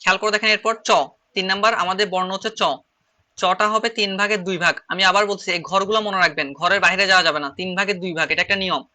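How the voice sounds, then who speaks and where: Fast, bright-voiced male shorthand teacher. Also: high voice, steady tone. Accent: Chittagong Bengali. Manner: repeats phrases while writing on slides. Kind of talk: online class lecture.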